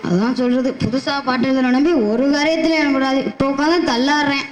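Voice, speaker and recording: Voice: sits high, steady tone, quick pace, echoey room, close to an everyday voice. An actor playing a poor, self-pitying male poet who grumbles, mocks and wails in a comic stage style. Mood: grumbling. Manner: comic lamenting, wailing, sarcastic. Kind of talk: Tamil stage-play comedy acting.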